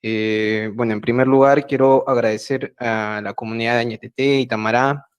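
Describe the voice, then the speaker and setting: A man with a Peruvian Spanish accent gives a prepared talk over a video call. He speaks in a measured way and fills his pauses with hesitant fillers. His voice sits at a middle pitch for a man. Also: steady tone, clean tone. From Peru, central Andes. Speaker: speaker at an online project meeting. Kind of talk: prepared talk at a web meeting. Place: home, remote video call. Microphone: video call mic.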